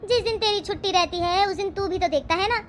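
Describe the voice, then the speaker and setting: Woman as a nagging mother-in-law, very high voice, sly, taunting, comic skit. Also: quick pace, slight background noise.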